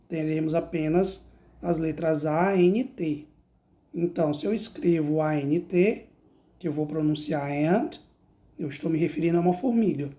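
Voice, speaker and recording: A woman with a Brazilian Portuguese accent teaching English vocabulary, saying each word slowly and repeating it before translating. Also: fairly low pitch, dark tone. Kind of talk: slow explanatory lesson.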